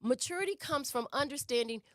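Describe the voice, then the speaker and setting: A woman's voice: high-pitched, expressive, fairly quick, fairly bright tone, dry recording, clean studio sound. A woman co-hosting a relationship talk show who speaks emphatically, repeats her key points and asks rhetorical questions. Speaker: relationship podcast co-host. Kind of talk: conversational teaching talk.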